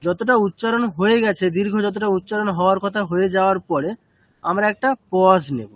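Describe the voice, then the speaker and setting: A man's voice: high voice, steady tone, fairly quick, a bit bright, no echo. A man teaching a chanting class, explaining step by step and checking with short questions.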